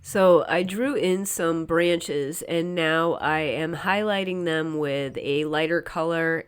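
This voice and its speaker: Her voice is deep and smooth, though congested and nasal from a cold. Narrating a painting tutorial in a voice-over made apart from the video, she keeps things easygoing and conversational, often hedging with "um" and "kind of."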